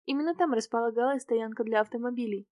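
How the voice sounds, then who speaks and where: A woman reading a novel aloud in the first person, with clear, expressive storytelling. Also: on the high side, quick pace, dry recording. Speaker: audiobook narrator.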